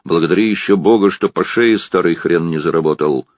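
A man's voice: low-pitched, fairly quick, no room sound, dull audio. A man reading an audiobook, voicing a surly yard keeper who threatens in a coarse voice. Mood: threatening.

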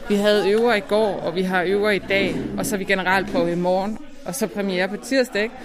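A woman's voice: medium pitch, steady tone. A woman theatre director speaking casually and chattily, ending remarks with a tag question. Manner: chatty, tags sentences with a questioning "right?". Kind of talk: casual interview. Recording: busy crowd behind.

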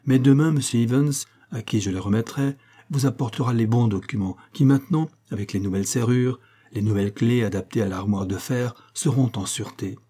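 A man reading the part of a shrewd, composed male detective in an audiobook, speaking in a crisp, assured way. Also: mid-range voice, brisk, few pauses, warm tone, close to an everyday voice. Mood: explaining.

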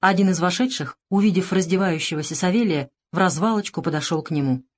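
A woman reading a novel aloud as narrator, steady and expressive. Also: fairly low pitch, quick pace. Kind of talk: scripted audiobook narration.

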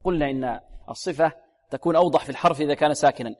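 A man with a fairly high voice teaches recitation rules in a room with a long reverb. He stretches out each example word slowly and repeats it carefully, then asks his own questions and answers them in a patient teaching tone. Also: darkish tone. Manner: slow, drawn-out demonstrations of words, repeated many times. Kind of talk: tajweed lesson with recited examples.

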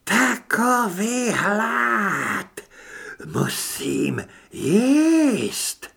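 A man voicing a ravenous parasite creature that has taken over a dying body, with a creaking, hissing voice and slow, drawn-out words. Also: very high voice, sing-song, sharp tone, pitched above the performer's own voice, heavily acted.

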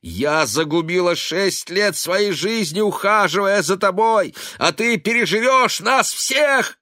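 A man's voice: high voice, expressive, slow pace, pushed and bright, dry recording, studio quality, voice pushed up, heavily acted. A man voicing a grief-stricken young woman who screams accusations in fury, in an audiobook reading. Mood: furious.

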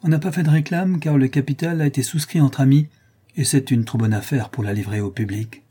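A man voicing a quick-talking, smooth middle-aged financial agent who flatters as he persuades, in an audiobook. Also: medium pitch, close to an everyday voice. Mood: eager persuasion. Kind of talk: audiobook character voice.

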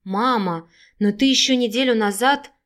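A gentle, wounded teenage girl, voiced by a woman reader, pleads in a soft, tearful voice. She sounds hurt but tries to stay calm, in a storybook telling. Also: on the high side, moderate pace, lightly acted. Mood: worried.

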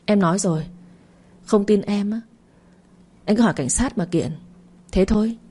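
A woman voicing a cold, scheming young wife who answers calmly and dismissively. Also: mid-range voice, normal speed, slightly rough, close to an everyday voice. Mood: smug. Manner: calm, smug, dismissive.

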